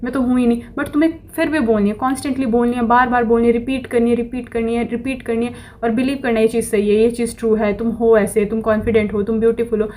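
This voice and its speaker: Speaking fast with few pauses, this self-improvement vlogger gives a casual motivational talk to camera in a warm, steady voice on the high side. She repeats phrases again and again and weaves affirmations into what she says.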